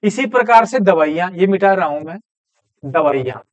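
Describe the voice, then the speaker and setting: High-voiced Hindi teacher explaining grammar. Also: male voice, expressive. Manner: explains step by step, repeating words slowly. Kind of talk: classroom grammar lesson.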